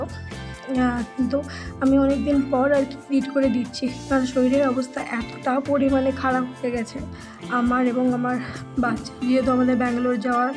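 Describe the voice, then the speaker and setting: A young woman narrates her family vlog, her voice hoarse and cracking. She speaks a little high with a flat, even tune and stops and restarts often. Music plays clearly underneath. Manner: halting, many fillers and restarts. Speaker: family vlogger.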